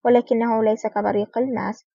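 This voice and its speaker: A woman voicing a cool male undercover agent who speaks calmly and slyly. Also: a little high, a little fast, creaky, dry recording. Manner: calm, smiling, sly. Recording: dull lo-fi recording.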